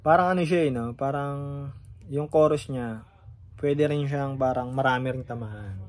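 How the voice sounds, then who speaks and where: A man's voice: mid-range voice, normal speed, noisy background. A man talking casually to his viewers as he reacts to a song, often asking them questions and swearing in surprise.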